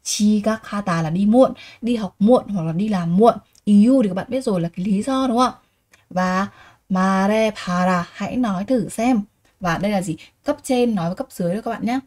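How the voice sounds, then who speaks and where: A Korean language teacher, a woman whose first language is Vietnamese, runs a vocabulary lesson, repeating each word and putting rhetorical questions to her students. Her voice sits in the mid range with a darkish tone, and she talks fast.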